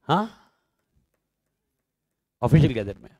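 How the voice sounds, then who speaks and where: A man's voice: medium pitch, sing-song, slow, mellow, no room sound, muffled recording. A man teaching law in a live online lecture, asking his students questions and answering them himself, mixing Hindi and English.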